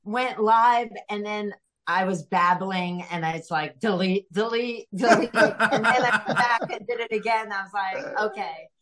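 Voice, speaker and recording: A middle-aged woman from Greece, chatting as a podcast guest. She talks in a loose, rambling way, full of fillers and easy laughter, at a middle pitch. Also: measured pace, a bit bright. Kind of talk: casual interview chat.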